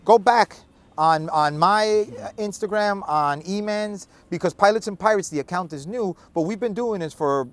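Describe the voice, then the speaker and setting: A man co-hosting a casual chat, talking in an animated, emphatic way and swearing freely. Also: high voice, moderate pace. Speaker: podcast co-host. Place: outdoors in cold weather.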